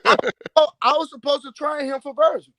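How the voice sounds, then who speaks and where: A man's voice: very high voice, fairly even intonation, a little fast, pushed and bright, dry recording. A man in his late thirties, a strength and conditioning coach, talking boastfully and emphatically as a guest on a live stream. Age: 30s. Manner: boastful, emphatic, repeats words. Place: live video call.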